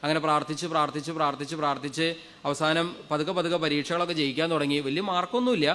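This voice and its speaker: Fast-preaching priest in a reverberant hall. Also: male voice, on the high side. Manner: fervent, leads congregation in loud hallelujahs. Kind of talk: sermon storytelling.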